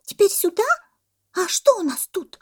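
Storybook monkey, female, young and excitable, pestering with questions in a very high voice. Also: normal speed. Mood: excited. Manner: squealing, demanding questions.

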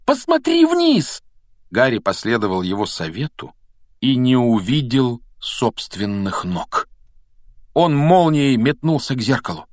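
A man reading an audiobook aloud, with measured, expressive storytelling narration. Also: mid-range voice, no echo, studio quality. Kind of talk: scripted narration.

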